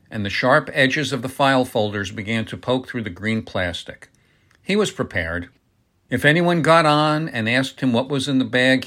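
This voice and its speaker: Guy narrating an audiobook, steady even read, mid pitched voice.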